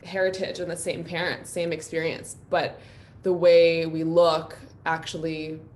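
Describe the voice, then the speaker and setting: With a deep, level, darkish voice at a measured pace, a woman from New York City, the guest musician, opens up reflectively in a casual live-stream interview. Ums and likes crop up often.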